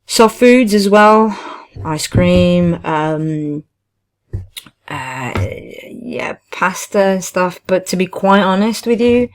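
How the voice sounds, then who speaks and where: A woman chatting casually and giving personal advice, in a hesitant, halting way with frequent self-corrections. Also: medium pitch. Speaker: vlogger, teaching assistant.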